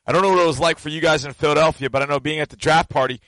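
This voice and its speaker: A man's voice: on the high side, fairly even intonation, very fast, a bit bright, dry recording, low-quality recording. A man co-hosting a casual sports chat, rambling and self-assured as he talks about his picks. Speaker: co-host and draft analyst.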